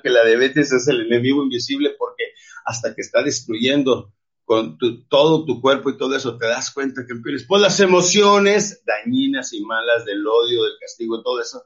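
On a dull, lo-fi recording, a middle-aged motivational speaker with a Mexican accent and a slightly rough, medium-pitched voice preaches emphatically about the need to forgive, repeatedly calling his listeners "campeones."

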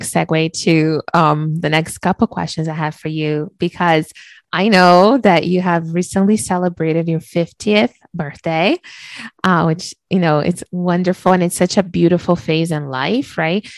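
A woman's voice: on the low side, dry recording. A woman hosting an interview, enthusiastic and chatty, leaning on fillers. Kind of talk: conversational interview.

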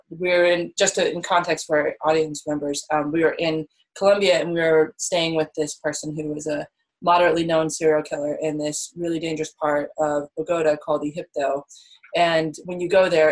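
Low-voiced woman, reflective and rambling. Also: low-quality recording. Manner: rambling, reflective, with many fillers. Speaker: interview guest. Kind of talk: casual conversational interview.

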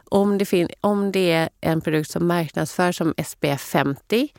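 A woman with a low, creaky voice co-hosts a podcast and explains things earnestly. She pauses often on fillers. Her voice sounds dry and close. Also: a little mellow, dry recording. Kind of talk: casual podcast chat.

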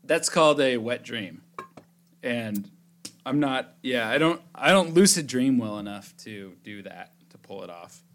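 A young man co-hosts a casual podcast, tipsy and a little sleepy. He teases his friend with dry asides and keeps his pitch in a middle range. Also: lively intonation, measured pace, a bit bright. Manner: dry, teasing, laughs often. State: tipsy and drowsy. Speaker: podcast co-host. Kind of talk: casual drunken banter.

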